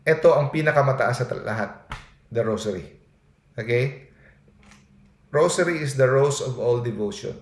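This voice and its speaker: A man's voice: medium pitch, expressive, normal speed, long pauses. A man giving an earnest sermon in mixed Tagalog and English, often tagging his points with a questioning "no?". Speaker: preacher. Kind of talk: Taglish sermon. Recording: echoey room.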